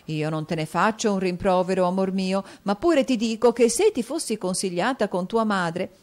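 A woman's voice: medium pitch, moderate pace, darkish tone, lightly acted. A woman reading an audiobook and voicing a fussy, self-righteous older mother who lectures insistently.

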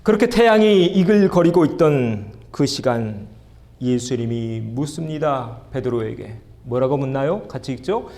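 A man's voice: medium pitch, animated, measured pace, dark tone. A man preaching a sermon as a pastor in a church, asking the congregation questions and leading them in reading aloud. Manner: asks the congregation questions and leads group reading. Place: church sanctuary.

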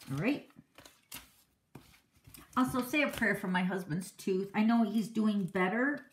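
A woman's voice: mid-range voice, a little hiss or hum. Chatty, outspoken woman hosting a livestream. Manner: laughs often. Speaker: card-making livestream host. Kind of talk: casual live-stream chat.

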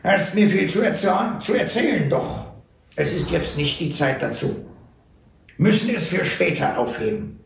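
A man's voice: high-pitched, expressive, moderate pace, vocal fry, voice pushed up. A man doing the wily little old trapper Sam Hawkins. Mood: jovial. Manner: clipped folksy phrasing, drops pronouns. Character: small odd old male trapper, wily and joking. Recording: echoey room.

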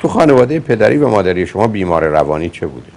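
A man's voice: low voice, very animated, darkish tone, a little hiss or hum. A man hosting a call-in advice show as a psychologist, blunt and lecturing with his caller. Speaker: psychologist host.

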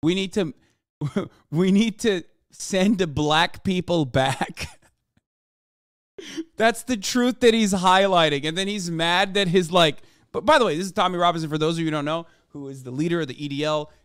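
A man's voice: on the high side, fairly quick, fairly bright tone, clean tone, no echo, studio quality. A man streaming casual reaction commentary, blunt and heavily profane.

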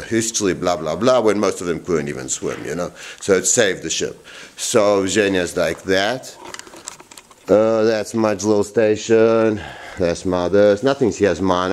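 A man in his forties giving a rambling, blunt workshop tour in a large wooden boat shed, filming himself with a handheld camera. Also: sits low. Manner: rambling, blunt and animated, with many restarts. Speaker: boatbuilder vlogger. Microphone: handheld camera at arm's length.

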